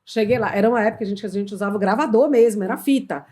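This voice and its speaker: A woman's voice: medium pitch, rapid-fire. A middle-aged woman with a Brazilian accent telling a workplace story on a podcast, acting out the dialogue. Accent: Brazilian Portuguese. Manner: animated storyteller, acts out quoted dialogue. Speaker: HR consultant, podcast guest. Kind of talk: casual storytelling in a podcast conversation.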